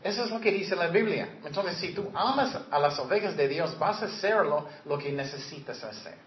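A man's voice: fairly high pitch, lively intonation, moderate pace. Preaching man in an echoey hall. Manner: earnest preaching, acting out quoted voices. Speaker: pastor. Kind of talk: sermon. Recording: echoey, dull lo-fi room recording.

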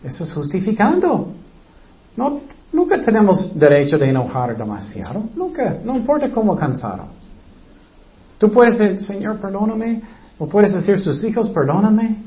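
A man's voice: high-pitched, highs cut off. A man preaching a sermon earnestly, now and then acting out whiny excuses in quoted voices.

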